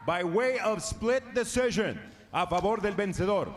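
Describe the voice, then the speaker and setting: High-pitched lucha libre style ring announcer man, arena reverb. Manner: formal, drawn-out showman delivery. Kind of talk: lucha libre style bilingual fight announcing in Spanish and English. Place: large arena, over the PA. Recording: echoing arena PA with noise.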